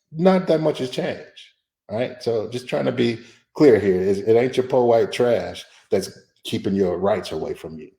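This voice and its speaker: A man's voice: lowish voice, mellow. Blunt, roomy-sounding male history lecturer. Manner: emphatic, colloquial, blunt. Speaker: guest lecturer, history professor. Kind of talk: slide presentation, conversational lecture.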